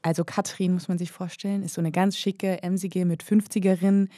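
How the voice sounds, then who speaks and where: Woman reporter, podcast, mellow and a bit low, explains fluently, dead dry recording. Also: little pitch movement, a little fast, no room sound. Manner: fluent, explanatory, with occasional "äh" fillers. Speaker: reporter and documentary filmmaker. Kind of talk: podcast conversation and narration.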